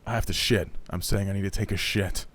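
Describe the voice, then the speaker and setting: A man playing a jaded plumber turned detective who talks in a deadpan noir-style inner monologue. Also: low voice, brisk. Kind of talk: amateur comedy film dialogue.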